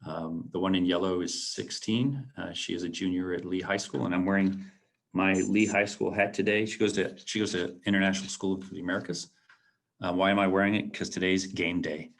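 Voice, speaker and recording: Low-voiced man giving a halting talk. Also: fairly even intonation, creaky. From San Antonio, Texas. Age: late 40s. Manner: halting, many ums and restarts; earnest, reflective. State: a little choked up. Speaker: alumnus guest speaker. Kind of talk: presentation to students.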